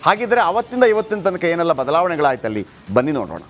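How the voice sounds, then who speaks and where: A man with a Kannada accent presenting the news in an animated, emphatic and sarcastic way. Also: fairly high pitch, quick pace. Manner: emphatic, sarcastic, mimics officials. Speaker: news anchor.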